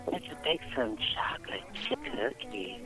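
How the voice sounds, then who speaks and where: A woman's voice: rumbling low, big pitch swings, unhurried, over music, rough recording. A woman calling in to a comedy show, talking in a flirty, brassy, sassy way. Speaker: caller. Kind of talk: comedic call-in banter.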